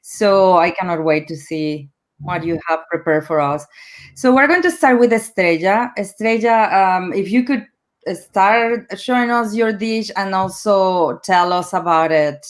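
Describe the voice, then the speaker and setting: A woman's voice: mid-range voice, measured pace. A woman from Mexico with a Mexican Spanish accent, a Spanish native speaker, hosting and introducing guests in an upbeat way. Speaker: host. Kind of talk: hosting an online event.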